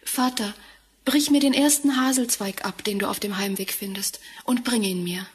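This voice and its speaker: A woman playing a meek, kind young girl in a fairy tale audio drama, gentle and pleading. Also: mid-range voice, normal speed, breathy edge, close to an everyday voice. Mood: humble.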